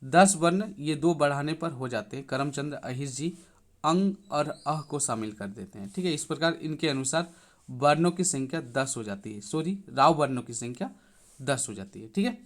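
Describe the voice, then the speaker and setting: A man teaching an exam-prep grammar lesson, reading out rules and then explaining them slowly, with frequent check-ins to the class. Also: a little high, expressive. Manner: repeats "thik hai" after each point.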